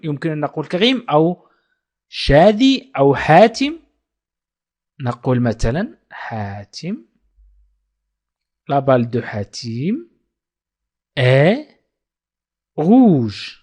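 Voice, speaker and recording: Slow, lively-voiced man teaching a children's lesson. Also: medium pitch. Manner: repeats each word slowly and translates; appeals to viewers to like and subscribe. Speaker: French teacher.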